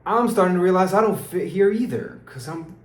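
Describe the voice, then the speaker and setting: The voice is high and animated, brisk, with a roomy sound: a young man from Peru, American-accented, rambling through a casual diary vlog. Tired and slang-heavy, he often restarts and says things like "dude" and "bro."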